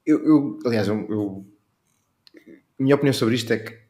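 This man co-hosts a casual podcast from a remote setup, speaking with a European Portuguese accent. He argues his opinions hesitantly, repeating words, in a warm, medium-pitched voice at normal speed.

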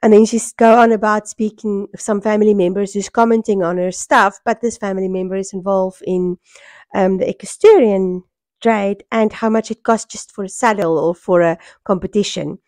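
A middle-aged South African woman with a hoarse voice worn by a cold, chatting casually in a home vlog. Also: medium pitch, steady tone, normal speed, darkish tone, no room sound. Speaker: sewing vlogger. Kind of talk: casual vlog chat to camera. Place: small furnished room at home, indoors. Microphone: small microphone held near the mouth.

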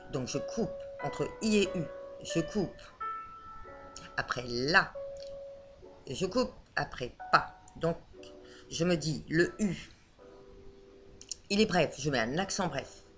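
Patient woman teaching a lesson. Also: low-pitched. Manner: patient, explanatory, frequent hesitations. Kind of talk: spoken lesson on Old French.

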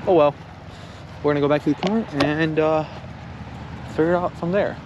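By a lake and along trails, this outdoor vlogger talks to viewers in an easygoing way, brushing off setbacks. He speaks at normal speed with a fairly high, fairly even voice; the outdoor recording is muffled, with clear background noise.

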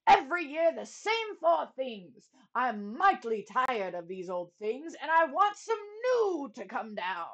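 A woman voicing a blustering, angry old king who growls and shouts his commands. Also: high-pitched, very animated, unhurried, hardly any pauses, pitched above the performer's own voice, exaggerated voice. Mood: furious.

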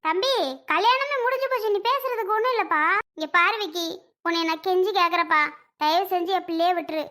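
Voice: very high voice, fairly quick, bright, forceful tone. A performer voicing an older village mother in a Tamil cartoon drama, begging a man to leave her daughter alone and repeating her pleas. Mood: pleading.

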